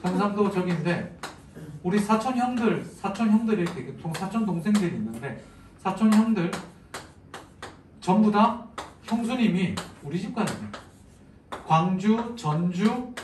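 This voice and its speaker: High-pitched guy teacher joking around mid lecture, kinda far off mic, echoey noisy room. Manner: chatty, jokey, asks students questions. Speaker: Korean literature teacher. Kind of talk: casual lecture to exam students.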